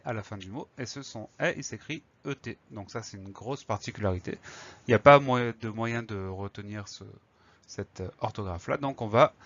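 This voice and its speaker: A man's voice: mid-range voice, fairly bright tone, no echo, muffled recording. A man teaching a spelling lesson, patiently breaking words into syllables and spelling them letter by letter.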